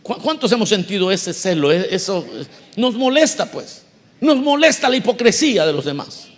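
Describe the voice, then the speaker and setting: A man with a high-pitched voice preaches a sermon. He talks to his listeners directly and keeps questioning them. He acts out the voices he quotes with broad swings in pitch and loudness. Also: very animated, moderate pace. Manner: conversational preaching, asks the congregation questions. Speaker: pastor.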